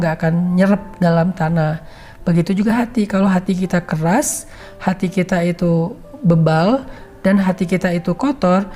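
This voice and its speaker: A man's voice: sits high, darkish tone. A male Islamic preacher giving a casual, conversational religious talk, mixing slang with quoted Arabic verses. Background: faint background music.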